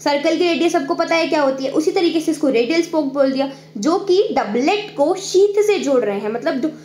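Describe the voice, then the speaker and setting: High-voiced woman teaching biology. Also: expressive, fairly quick, darkish tone, reverberant. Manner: explains step by step, checks in with "ठीक है"; drawing on screen while talking. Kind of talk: online exam-prep lecture.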